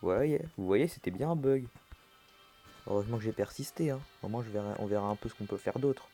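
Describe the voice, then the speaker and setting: Jumpy male horror game streamer, mellow low voice. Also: quick pace, soft background music. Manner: talks to the game's objects and characters. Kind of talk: casual horror game commentary.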